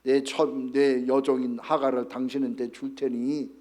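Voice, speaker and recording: A man's voice: mid-range voice, level tone, normal speed, a little mellow, pitched below the performer's own voice, close to an everyday voice. A man voicing Sarah, an aggrieved wife pleading her complaint, within a sermon. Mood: complaining.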